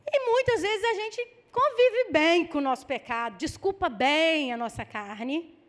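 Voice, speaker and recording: A woman with a Brazilian Portuguese accent preaching a lively sermon, acting out people's excuses in mock voices. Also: extremely high pitch, measured pace.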